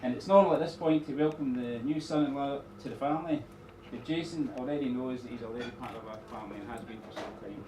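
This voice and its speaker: A man's voice: medium pitch, fast talker, few pauses. Middle-aged man's rambling speech, distant and echoey. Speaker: father of the bride giving a wedding speech. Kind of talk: informal wedding toast speech. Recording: echoey room, distant mic, noisy background.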